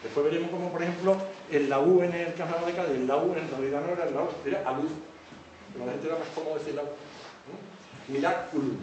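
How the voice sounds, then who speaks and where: Male lecturer, slightly high voice, keeps checking in with the crowd; distant mic, very echoey hall. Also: steady tone, fast talker, darkish tone. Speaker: teacher. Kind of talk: public lecture on word origins. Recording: echoey hall from far off, faint noise.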